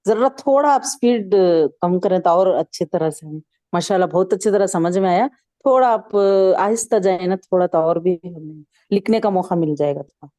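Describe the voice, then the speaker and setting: A woman's voice: on the low side, lively intonation, moderate pace, warm tone, dry recording. A woman student who asks the teacher polite, hesitant questions.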